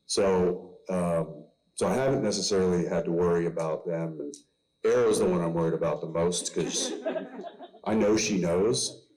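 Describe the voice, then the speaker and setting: A man on a convention panel chatting easily, halting and joking with a laugh. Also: sits low, darkish tone, low-quality recording. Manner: easygoing, halting, jokes and laughs. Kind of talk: casual panel chat.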